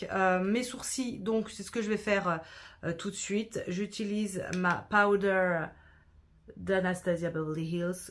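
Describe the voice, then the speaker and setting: A woman chatting through a makeup tutorial in a casual, self-deprecating way, sprinkling in English words. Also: mid-range voice. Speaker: beauty vlogger.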